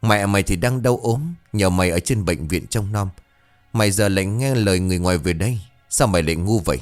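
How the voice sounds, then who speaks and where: A man voicing a stubborn, greedy, hot-tempered old village father who talks in a scornful, shouting way. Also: deep voice, a little fast, faint music behind, close to an everyday voice. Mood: furious.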